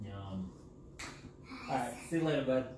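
A man voicing a friendly, easygoing male sock puppet in an improvised home puppet show, chatting in a casual, affectionate, gently prompting way. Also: medium pitch, expressive, moderate pace, natural voice. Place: indoor kitchen, camera a few feet away. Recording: roomy, distant, very noisy home recording.

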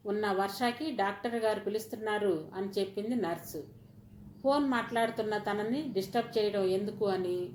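A woman narrating a family story in a steady, even storytelling manner. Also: mid-range voice, a little hiss or hum. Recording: roomy echoey recording.

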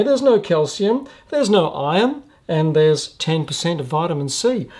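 A man's voice: on the high side, darkish tone. An Australian man hosting a casual food taste-test vlog, reading the label aloud with dry jokes. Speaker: food reviewer.

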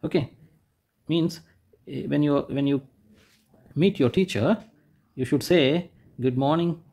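This is a man, walking young pupils through a textbook lesson. His voice is fairly high but mellow and a little husky. He repeats each point, rephrases it, and points things out as he goes. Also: slow pace. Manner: points and demonstrates with "like this". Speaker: teacher. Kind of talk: explaining a school textbook lesson.

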